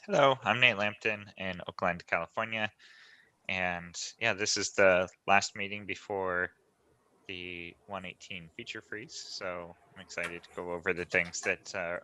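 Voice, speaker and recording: A man's voice: low voice, steady tone, moderate pace, bright, forceful tone. A man going through technical issues one by one on a video call meeting, in a methodical way. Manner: methodical, detailed, hesitant fillers. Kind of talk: online meeting chat.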